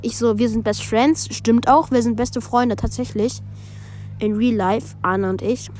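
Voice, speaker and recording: A woman vlogger reading a group chat aloud in a casual way, with quick asides between the messages. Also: fairly high pitch, darkish tone, slight background noise.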